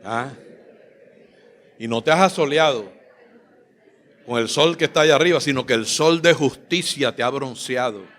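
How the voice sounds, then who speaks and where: A man preaching a sermon, impassioned and fervent, climbing to loud exclamations and at times choked with emotion. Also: mid-range voice, moderate pace, pauses often. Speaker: pastor. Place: church sanctuary.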